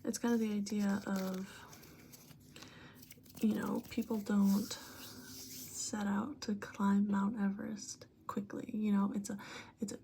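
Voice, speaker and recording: A woman giving a breathy, whispered and very soft-spoken ASMR pep talk, speaking informally and gently to the listener. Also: medium pitch, flat delivery, takes it slowly, pauses often, slight background noise. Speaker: ASMR creator giving advice.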